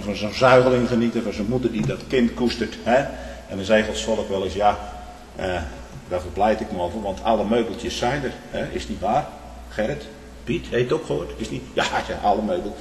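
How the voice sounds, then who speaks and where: Male preacher, mid-pitched, earnest sermon, long church reverb, faint room noise. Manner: tags phrases with "hè", swings from loud emphasis to hushed. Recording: echoey hall with long reverb.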